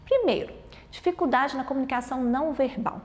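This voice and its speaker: A woman with a Brazilian Portuguese accent teaches as a pediatric neurologist, her voice sitting fairly high. She explains step by step and keeps checking in with short tag questions. The recording carries a long, lingering reverb. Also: fairly quick. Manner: explanatory, peppered with "tá?" check-ins. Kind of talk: explanatory video lesson.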